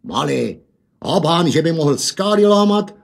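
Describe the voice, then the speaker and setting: A man voicing a gruff, irritable farmer father with a Hanák dialect, loud and scolding. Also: on the high side, lively intonation, voice pushed up. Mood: angry scolding.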